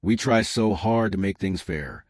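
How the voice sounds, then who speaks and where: A man's voice: low voice, unhurried, no room sound, clean studio sound. Man reading as a condescending mother. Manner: gentle, condescending. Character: breezy condescending middle-aged mother.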